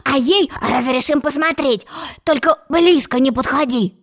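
A woman reading a storybook, voicing a stubborn, boastful little boy who grumbles slowly. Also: sits high. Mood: grumbling.

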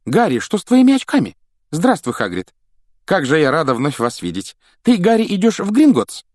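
A man doing a brisk, clever schoolgirl. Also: on the high side, wildly swooping pitch, darkish tone, no room sound, clean studio sound, pitched above the performer's own voice. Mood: glad. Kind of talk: audiobook character voice.

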